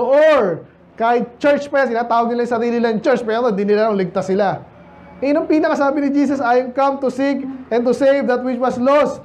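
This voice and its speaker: A Filipino man preaching a blunt, scolding sermon in a church, switching between Tagalog and English and slowing down to quote scripture. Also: very high voice. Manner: blunt, scolding, asks the congregation frequent questions. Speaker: pastor.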